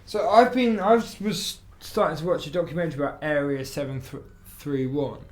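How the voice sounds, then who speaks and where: A man's voice: fairly high pitch, moderate pace, a little mellow. A man, a podcast guest, telling rambling anecdotes in casual chat. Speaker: podcast guest, business owner and guitarist. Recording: roomy echo.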